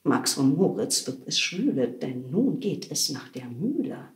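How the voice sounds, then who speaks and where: An actress reading a children's verse story aloud in a playful way, dropping to hushed tones and jumping high for the characters, in a theatre props workshop. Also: female voice, very animated, a little slow. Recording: roomy echo.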